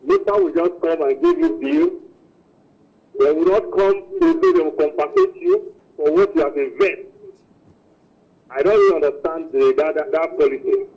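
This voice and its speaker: A man calling into a talk show with a complaint, talking in a halting, repetitive way over a muffled phone line. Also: fairly high pitch, very animated, vocal fry. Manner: halting, repetitive, rising and falling emphasis. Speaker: caller. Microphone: telephone.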